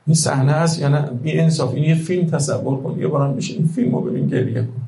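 Gravelly-voiced man preaching a sermon. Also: a little high, echoey room, poor audio. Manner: impassioned, rhetorical, swings between hushed and loud. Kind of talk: religious sermon.

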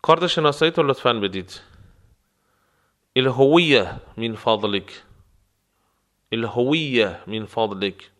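A man teaching travel phrases, explaining words and repeating them slowly for practice. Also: mid-range voice, fairly bright tone. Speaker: language teacher. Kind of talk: phrase lesson with slow repetitions.

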